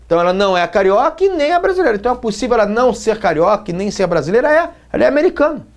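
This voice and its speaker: A man from Brazil teaching logic at a whiteboard, his pitch rising and falling a great deal. He explains step by step and keeps asking the students short questions to check they follow. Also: big pitch swings, very fast.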